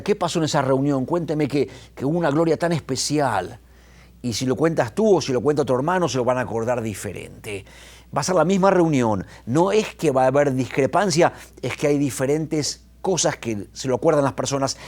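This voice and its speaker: A man preaching a sermon, talking in an animated way and often restarting his words. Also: medium pitch. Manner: animated, retells scenes with quoted voices, restarts. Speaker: pastor.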